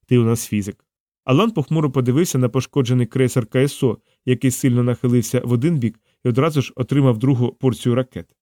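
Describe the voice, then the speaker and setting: A man narrating an audiobook in a steady, measured reading. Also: medium pitch, dry recording, studio quality.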